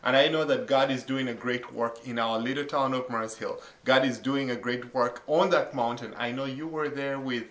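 This Ugandan man in his thirties, an associate pastor, gives a warm, earnest testimony for a faith interview, filling it with frequent ums and uhs. He speaks in a mid-range, fairly even voice at a moderate pace, barely pausing. The recording is muffled and the room echoey.

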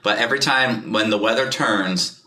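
Bright, chatty male podcast host. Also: lowish voice, normal speed, reverberant, slight background noise. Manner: chatty, energetic, laughs often. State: out of breath. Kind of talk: casual chat. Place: church studio.

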